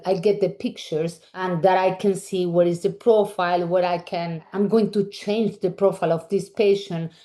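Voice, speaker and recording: Low-voiced Venezuelan orthodontist. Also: female voice, mellow. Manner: measured, listing points, non-native phrasing. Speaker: orthodontist, webinar co-host. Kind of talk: casual presentation.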